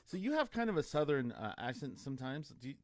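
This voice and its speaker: A man's voice: medium pitch, very animated, quick pace, dry recording, studio quality. A man hosting an interview, asking long, loose questions full of restarts. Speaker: interviewer host. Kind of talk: casual interview.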